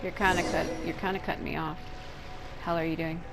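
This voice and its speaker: This gamer has a deep, creaky voice with little pitch movement and talks fairly quickly, giving sarcastic, blunt commentary and reading choices aloud during a let's play. The recording is low quality, with video game music in the background.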